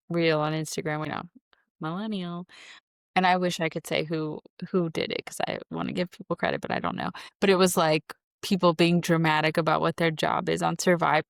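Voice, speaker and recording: A woman's voice: lowish voice, gravelly, no echo, studio quality. A woman in her thirties co-hosting a podcast, chatting casually and giving blunt opinions. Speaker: podcast co-host. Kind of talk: casual chat.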